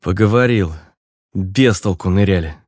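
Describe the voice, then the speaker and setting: A man's voice: deep voice, a little slow, darkish tone, no echo. A male narrator voicing a tired, sarcastic young man with a dry, sardonic way of speaking. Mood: wry. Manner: dry, sardonic, swears casually. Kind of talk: audiobook character voice.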